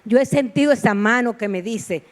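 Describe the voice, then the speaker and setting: A woman's voice: fairly high pitch, normal speed. A woman preacher giving a sermon in a heartfelt, personal storytelling manner, with repeated exclamations. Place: church sanctuary.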